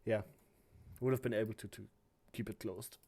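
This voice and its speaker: A man's voice: lowish voice, fairly even intonation, normal speed, mellow, husky. A man chatting casually as a player in a tabletop game, often hesitating and restarting.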